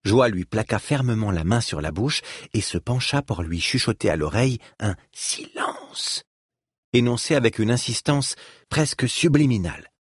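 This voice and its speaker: A man's voice: lowish voice, normal speed, slightly rough, no room sound, clean studio sound. A man narrating a novel as an audiobook, telling the story expressively. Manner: expressive storytelling, voicing each character.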